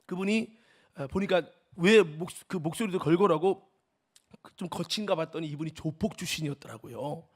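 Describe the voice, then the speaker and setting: A man's voice: fairly high pitch, normal speed, breathy edge. A male pastor preaching a sermon, telling a story and building up to impassioned, rising cries.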